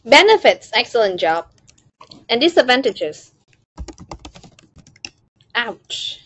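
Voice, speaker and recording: A woman's voice: on the high side, very animated, very slow, fairly bright tone, no room sound. A woman with a Vietnamese accent teaching an online class, calling on students by name and explaining phrases. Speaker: English teacher. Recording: dull, lo-fi, dry call audio.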